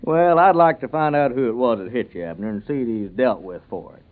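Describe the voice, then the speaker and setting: An actor playing an earnest, plain-spoken small-town neighbour with a rural Southern American accent in an old radio comedy serial. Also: male voice, mid-range voice, fairly quick, natural voice. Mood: indignant, insistent. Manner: folksy, earnest. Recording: narrow, tinny vintage radio recording.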